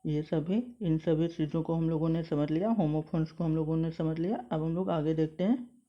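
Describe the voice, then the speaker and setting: A man's voice: fairly high pitch, fairly even intonation, normal speed. A male school English teacher explaining a textbook lesson word by word, methodical and repetitive. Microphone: mobile phone. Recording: dull lo-fi phone recording.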